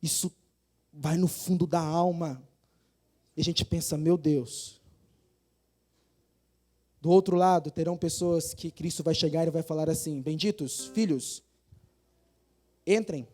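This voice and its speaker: Brazilian male preacher, higher voice, mellow tone, earnest, rising to forceful stress, soft guitar behind. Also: flat delivery, measured pace, long pauses. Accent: Brazilian Portuguese. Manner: earnest, builds to forceful emphasis, acts out quoted voices. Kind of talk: sermon. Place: church hall.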